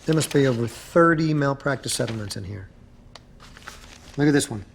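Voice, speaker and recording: An actor playing an easygoing, good-natured doctor friend with a wry, slightly rough delivery, from a TV drama. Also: male voice, mid-range voice, animated, moderate pace, a little hiss or hum. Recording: TV clip with music underneath.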